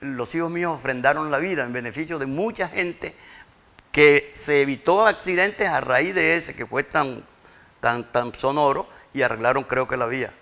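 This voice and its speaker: A grieving father, telling his story in a halting, tearful interview and repeating words when overcome. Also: mid-range voice, pushed and bright. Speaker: interview guest, bereaved father. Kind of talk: emotional interview testimony.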